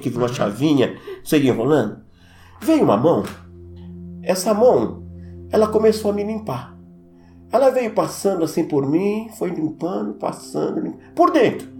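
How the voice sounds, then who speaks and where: A Brazilian man giving a dramatic, emotional testimony to a church audience, acting out the voices in his story. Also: on the high side. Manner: dramatic, animated, acts out voices. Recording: roomy with soft music behind.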